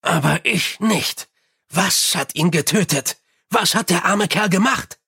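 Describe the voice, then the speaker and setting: Male reader as a gruff watch commander, brusque and exasperated, husky voice. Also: sits high, unhurried, bright, forceful tone, pitched above the performer's own voice, heavily acted. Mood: shaken.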